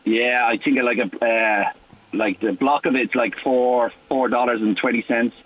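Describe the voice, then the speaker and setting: A man from Dublin with a Dublin accent and a husky voice, chatting casually as a caller to a radio phone-in over a muffled phone line. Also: mid-range voice, fairly even intonation, a little slow, a little hiss or hum. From Dublin, Ireland. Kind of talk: casual chat.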